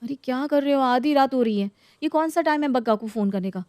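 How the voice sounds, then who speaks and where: A stubborn young daughter-in-law, voiced by a woman, shrill and indignant in a storybook drama. Her high voice is recorded close and dry. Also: fast talker, darkish tone, clean tone, dry recording, close to an everyday voice.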